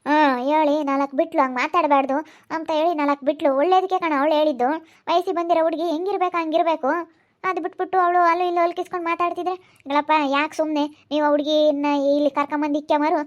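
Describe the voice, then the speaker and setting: Woman playing a sharp-tongued accusing sister-in-law. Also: high voice, close to an everyday voice. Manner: accusing, sarcastic, insistent. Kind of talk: amateur family drama acting. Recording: dull lo-fi sound.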